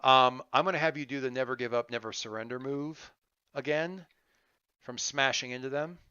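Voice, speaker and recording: A man with a bright, clean voice improvises as a tabletop game master. He talks casually and haltingly, working things out aloud, on a dry but slightly dull recording. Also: mid-range voice, clear, resonant tone, no echo.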